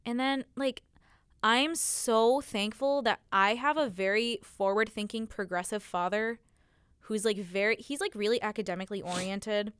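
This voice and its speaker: A woman's voice: mid-range voice, fairly even intonation, normal speed, fairly bright tone, clean tone, dry recording, clean studio sound. A young American woman hosting a podcast, chatting casually and informally with plenty of slang and "like". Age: young adult. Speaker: podcast host. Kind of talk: casual chat.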